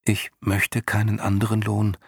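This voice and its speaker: A man's voice: lowish voice, monotone, unhurried, vocal fry, husky, no room sound, studio quality, pitched above the performer's own voice, full character voice. A man voicing a humble, timid aging female mule who talks meekly and with worry. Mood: wistful. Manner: meek, worried, startled.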